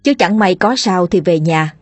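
Fields: husky-voiced woman storyteller. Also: fairly low pitch, moderate pace, dry recording. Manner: lively, colloquial. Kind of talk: comic folk story narration.

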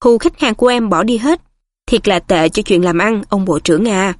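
A woman's voice: mid-range voice, moderate pace, no echo, studio quality, close to an everyday voice. A woman voicing a chatty, confiding woman innkeeper in a storybook reading.

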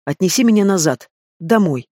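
A man's voice: sits high, animated, moderate pace, dry recording, clean studio sound. A man reading the part of a tearful, grieving young she-wolf girl. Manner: tearful, quiet.

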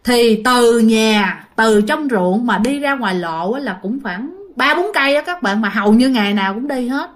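Speaking at a moderate pace with few pauses, a ghost story channel narrator with a slightly high voice relays ghost stories from listeners. Her casual storytelling is chatty and packed with fillers, and she speaks right to her audience.

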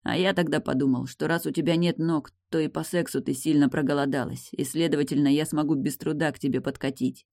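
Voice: mid-range voice, fairly even intonation, fairly quick, few pauses, darkish tone, dry recording, studio quality, lightly acted. A narrator voicing a brash, stubborn man who talks bluntly and teasingly in an audiobook. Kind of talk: audiobook character voice.

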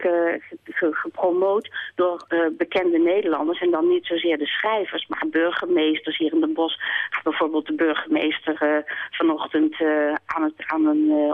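A woman children's book author talking and reading aloud in a phone interview, hesitant, with many restarts. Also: on the low side. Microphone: telephone. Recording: tinny phone line.

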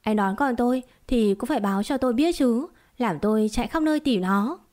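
A woman's voice: a little high, animated, brisk, darkish tone, natural voice. A woman voicing an anxious, fiery young mother who scolds sharply, in a storybook reading. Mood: sarcastic.

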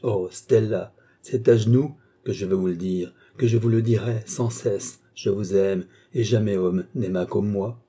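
A man's voice: fairly low pitch, a little slow, hardly any pauses, mellow, husky. A man voicing an ardent young male painter in an audiobook, speaking with passionate, pleading intensity. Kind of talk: audiobook character voice.

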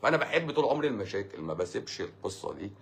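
An Egyptian-accented man hosts a casual livestream, reading out viewer questions and answering them with rambling sarcasm. His delivery is rapid and his voice is husky. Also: lowish voice, very animated, fairly bright tone. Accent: Egyptian Arabic. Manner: sarcastic, mocking, fast and rambling.

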